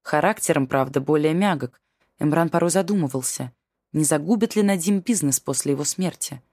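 A woman with a very low voice reads a novel aloud as an audiobook narrator. Her delivery is measured and even. The recording is dry and close, with no room sound. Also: no echo. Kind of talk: scripted narration.

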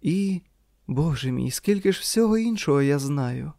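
A man reading the lines of a gentle, teasing young wife in an audiobook, with a soft, slightly raised voice. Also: on the high side, animated, moderate pace, gravelly, dry recording, studio quality. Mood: playful.

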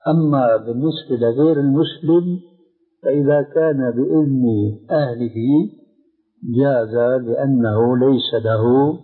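Measured scholar on old tape. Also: male voice, mid-range voice, faint music behind. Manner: measured, explanatory, checks understanding. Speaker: scholar answering questions. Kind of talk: religious question-and-answer session. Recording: narrow, phone-like old tape recording.

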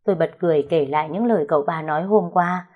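A woman reads a story aloud. Her narration is lively and gossipy, with a fairly low voice. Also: fast, phone-quality sound.

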